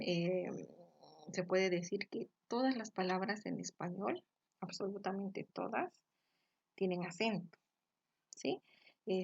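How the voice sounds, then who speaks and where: Woman teacher explaining grammar slowly. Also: mid-range voice, creaky, darkish tone, breathy edge, dull audio. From Peru. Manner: explanatory, checks with tag questions, frequent fillers; slows and stresses example words. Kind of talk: classroom lesson on grammar.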